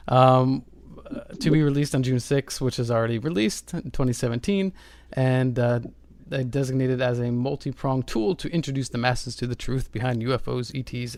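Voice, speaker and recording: A man's voice: mid-range voice, a little mellow, no room sound. A man hosting a paranormal radio show in a conversational, somewhat hesitant way.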